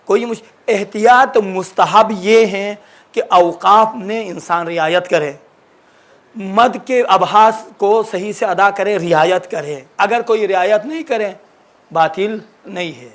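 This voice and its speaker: A man with a fairly high voice gives a recitation lesson. He explains step by step, restarting and repeating examples as he goes. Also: a bit bright. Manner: explanatory, repeats and corrects himself. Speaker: religious teacher. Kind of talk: lesson answering a question.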